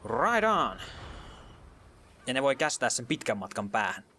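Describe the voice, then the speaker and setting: A man's voice: mid-range voice, bright, forceful tone, slight background noise. A man giving casual let's play commentary, chatty and muttering, sometimes dropping to a whisper in tense moments and mixing in English gaming slang.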